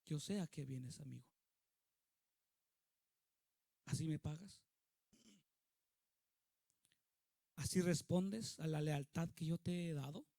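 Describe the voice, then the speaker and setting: A wounded man confronts the friend who sold him out, as a preacher acts him out. He asks one quiet, reproachful question after another in a lowered, hushed voice. His voice is still high for a man, and the sound is close and dry. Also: dry recording. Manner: soft, reproachful rhetorical questions.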